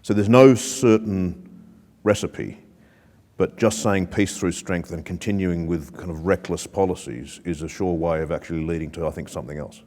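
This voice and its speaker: A man speaking as a panelist at a public discussion, answering in a measured, discursive way. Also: low-pitched, darkish tone. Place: lecture hall. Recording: long hall reverb.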